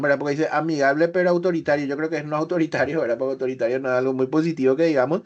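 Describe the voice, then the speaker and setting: A man presenting a webinar, explaining software step by step with rhetorical questions and filler sounds. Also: fairly high pitch. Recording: slightly dull webinar audio.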